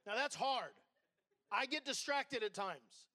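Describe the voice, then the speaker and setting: A man's voice: very high-pitched, animated, takes it slowly, sharp tone, no room sound. A middle-aged man, an associate pastor, giving a candid, conversational sermon built on personal stories.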